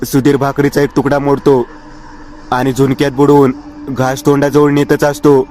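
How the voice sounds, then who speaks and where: A man narrating a scripted horror story in a steady, measured reading. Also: medium pitch, slight background noise.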